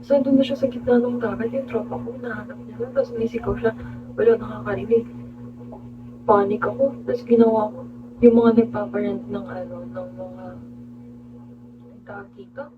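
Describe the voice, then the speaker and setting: Girl doing a live stream, tells stories all animated, sounds like a phone call w/ hum in the back. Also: on the high side, a little fast, long pauses. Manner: animated storytelling, greets viewers mid-story. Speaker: livestream host. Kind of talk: casual storytelling livestream. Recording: tinny phone-like audio with hum.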